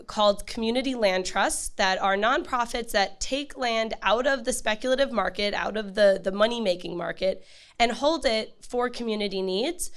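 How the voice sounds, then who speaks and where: A hoarse woman speaking to a community meeting as a campaign manager. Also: on the high side, fairly bright tone. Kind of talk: prepared community meeting talk.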